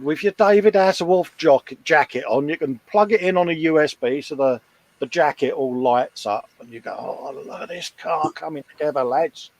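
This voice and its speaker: A man hosting a casual live stream, teasing a friend and reading out viewer comments. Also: a little high. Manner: teasing and chuckling, relaxed.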